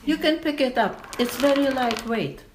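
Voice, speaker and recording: An older Lithuanian woman, speaking her native Lithuanian, explains things patiently and slowly in an oral history interview. Her voice sits high, and there's background noise.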